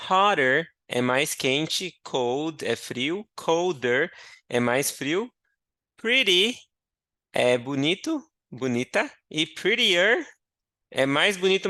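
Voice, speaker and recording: A young man gives an English lesson at an unhurried pace. His voice is clear and resonant, with a gravelly edge, and it sounds dry and close to the mic. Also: mid-range voice, pushed and bright, no room sound. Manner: slow and explanatory, switching between Portuguese and English. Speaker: English teacher. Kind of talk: teaching a language lesson.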